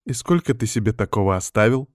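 A man's voice: fairly low pitch, expressive, fast talker, dry recording, studio quality, natural voice. A man voicing a stern, tearful woman witch healer in an audiobook, curt and snapping. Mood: grumbling. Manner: curt, snapping, edging on hysteria. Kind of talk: audiobook character voice.

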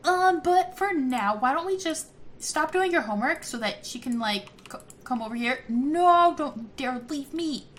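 A young woman chatting casually as she plays a life-simulation game, giggly and easily excited. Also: high voice, moderate pace, slight background noise. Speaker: gameplay commentator. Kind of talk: casual gameplay commentary.

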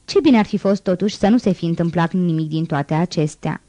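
A woman reading the part of a solemn, quiet male ex-convict mayor in an audiobook. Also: fairly low pitch, no room sound, close to an everyday voice. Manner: grave, quiet and restrained.

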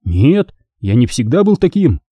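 A man voicing a calm, cautious teenage Jedi apprentice in an audiobook, speaking in a measured, gently reasoning way. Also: medium pitch, husky, dry recording.

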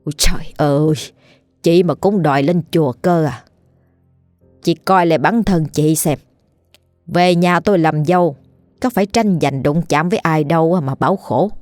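A sour old village mother-in-law scolds and wails in a shrill, cutting voice, as a woman narrator puts her on. She is spiteful and loud, a storybook villain. The reading is close and dry, with faint music beneath. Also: moderate pace, no echo, close to an everyday voice. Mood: shrill scolding.

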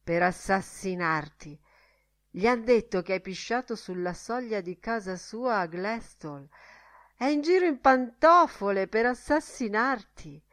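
A woman's voice: mid-range voice, animated, measured pace, fairly bright tone, voice pushed up. A woman reading an audiobook, voicing a mocking, theatrical young man who slips into a whining comic dialect. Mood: mock-warning.

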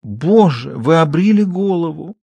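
A male audiobook reader voices a melodramatic young actress wife, tearful and theatrical, lamenting loudly in a raised, higher register. She gushes, exclaims, and sobs out her lines as if on stage, and the delivery is brisk. The sound is dry and close, with no room around it.

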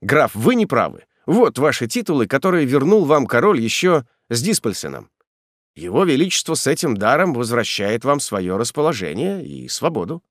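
A man's voice: mid-range voice, sing-song, moderate pace, no room sound, studio quality. A man voicing an old general delivering formal announcements in an audiobook.

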